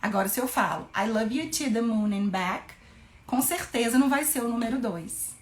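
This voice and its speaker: A woman English teacher in a casual lesson, spelling out words and slowing down for English examples. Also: on the high side. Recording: echoey room.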